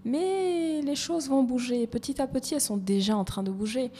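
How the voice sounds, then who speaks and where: A woman with a high, dark-toned voice speaks at a moderate pace as a guest evaluation coach on a conversational podcast interview. She sounds reflective and often restarts mid-phrase, in a roomy, reverberant space with faint background noise.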